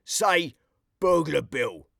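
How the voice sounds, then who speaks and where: A man voicing a soft-hearted male burglar with rough slang, drawing out his words slowly. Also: a little high, very animated, no room sound, clean studio sound, voice pushed up, exaggerated voice. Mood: coaxing. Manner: slow, drawn-out delivery.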